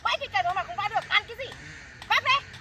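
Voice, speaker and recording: A woman's voice: very high voice, expressive, racing. A young woman playing a cruel, bossy daughter-in-law who harshly scolds and orders around her mother-in-law in a field. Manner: harsh, scolding, impatient commands. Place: outdoors in a rural field. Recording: noisy outdoor field recording.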